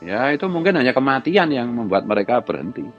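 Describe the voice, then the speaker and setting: A middle-aged man with a Javanese accent, a religious commentator who delivers a heated monologue, scolding in a loud, raised voice. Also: mid-range voice, big pitch swings, fast, lo-fi sound, faint music behind.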